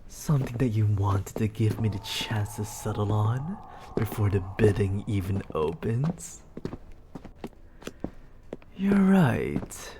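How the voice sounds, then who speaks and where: For an ASMR roleplay, a speaker acts out a suave, haughty demon lord, talking very slowly and theatrically into a close mic against a noisy background. The medium-pitched, creaky voice swings widely and expressively in pitch, often sinking into breathy whispers, and carries an intrigued mood.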